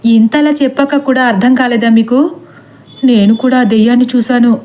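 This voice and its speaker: A woman's voice: fairly high pitch, steady tone, normal speed, mellow, close to an everyday voice. A woman voicing a stubborn young man who talks in a weary, matter-of-fact way in a storybook tale.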